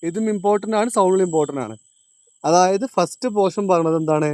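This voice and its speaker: A man teaches a classroom lesson in a high voice. He quizzes his students and repeats each point, slowing down on the key terms. The sound is dry, with no echo. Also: darkish tone. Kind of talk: classroom lecture.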